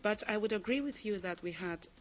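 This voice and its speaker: Woman from Cameroon, forties, TV interview guest, measured, reflective, quick to laugh. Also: medium pitch, expressive, slight background noise, poor audio.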